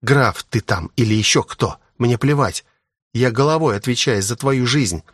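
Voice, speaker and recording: A man's voice: moderate pace, a bit bright, no echo, studio quality, natural voice. A man voicing a stern female guardian who lectures angrily in an audiobook. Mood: scolding. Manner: low angry lecturing.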